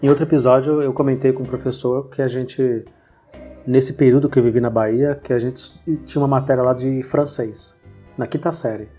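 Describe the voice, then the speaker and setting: Podcast host guy chatting and telling stories, a bit husky, faint music behind. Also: mid-range voice, fairly quick. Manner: storytelling, animated retelling of anecdotes. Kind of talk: casual podcast conversation. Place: lives in São Paulo.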